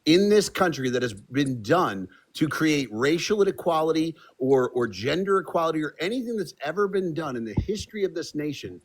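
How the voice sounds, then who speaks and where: A man with a fairly high voice argues in a heated online debate. He repeats his points and swears in exasperation. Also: very animated, a little fast, hardly any pauses. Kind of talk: heated live-stream debate.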